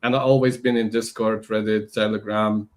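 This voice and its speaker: Guy, kinda low voice, casual chat, stops n restarts a lot. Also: level tone. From Lithuania. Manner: halting, searching for words. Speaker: community lead.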